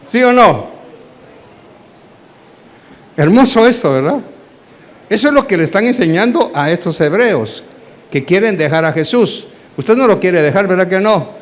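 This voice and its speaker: A man's voice: sits high, measured pace, long pauses. A man, a pastor teaching a Bible study sermon, asking the congregation questions and acting out dialogue. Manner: animated, asks the congregation questions, acts out dialogue.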